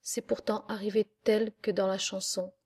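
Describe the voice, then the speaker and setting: A man's voice: high-pitched, little pitch movement, normal speed, husky. A woman reading a proud old sailor. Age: older. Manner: storytelling, proud. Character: kindly old male sailor and singer. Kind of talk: audiobook character reading.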